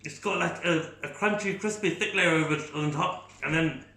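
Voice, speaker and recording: A man's voice: fairly high pitch, normal speed, pushed and bright, slight background noise. A man hosting a food tasting, chatting enthusiastically as he eats and rates each bite. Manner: enthusiastic, talks while chewing. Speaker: food reviewer host. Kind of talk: casual food tasting commentary. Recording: echoey room.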